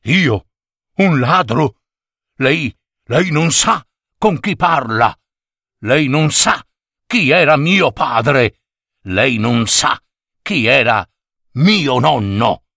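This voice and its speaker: A man voicing a pompous, dignified gentleman who protests haughtily. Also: medium pitch, lively intonation, very slow, vocal fry, pauses often, no echo, studio quality, full character voice. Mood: indignant. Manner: haughty, indignant.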